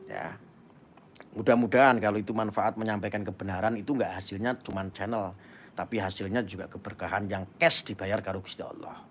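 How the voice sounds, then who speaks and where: A man's voice: fairly low pitch, fairly even intonation, brisk, a bit bright, slight background noise. A man hosting a casual live stream, talking fervently and urging his viewers in a preachy way. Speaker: YouTube channel host.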